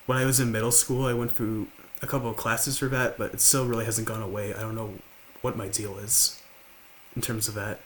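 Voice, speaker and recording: Flat-voiced teen guy with a little lisp, quiet halting confessional talk, faint hiss behind. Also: on the low side. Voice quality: slight lisp. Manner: halting, with many fillers and restarts. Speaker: vlogger. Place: large house, indoors.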